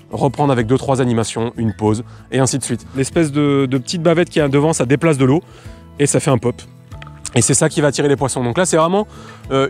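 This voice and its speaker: A young man gives a casual fishing lure demo outdoors, talking in quick, loose explanations full of fillers. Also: mid-range voice, a little mellow. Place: outdoors by the water.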